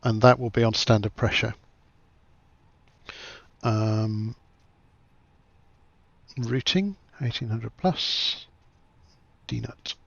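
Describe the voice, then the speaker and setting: A man's voice: medium pitch, steady tone, very slow, gravelly, long pauses, fairly bright tone, dry recording, highs cut off. A man giving casual livestream commentary as he plays a flight simulator, thinking aloud in a chatty, self-deprecating way.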